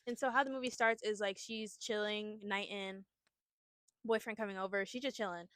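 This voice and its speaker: A woman's voice: mid-range voice, steady tone, moderate pace, fairly bright tone, no echo. A young woman co-hosting a podcast, casually retelling a horror movie plot in a chatty, rambling way. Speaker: podcast co-host. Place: outdoors at a picnic.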